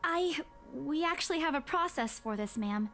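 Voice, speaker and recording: A woman's voice: high voice, lively intonation, normal speed, a bit bright, soft background music, voice pushed up. A woman voicing a polite, nervous young woman tour guide who stammers.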